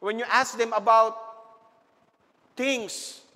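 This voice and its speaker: A man, a pastor preaching a sermon with animated storytelling in a church. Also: extremely high pitch, extremely slow. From Philippines. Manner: mixes English and Tagalog, animated storytelling. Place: church sanctuary. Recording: reverberant church hall.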